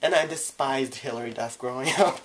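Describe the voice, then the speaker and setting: A man's voice: medium pitch, brisk, a bit bright, slight background noise. Chatty young man telling a story. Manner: casual, chatty, heavy use of "like" and "you know". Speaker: vlogger. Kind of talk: personal storytelling to camera.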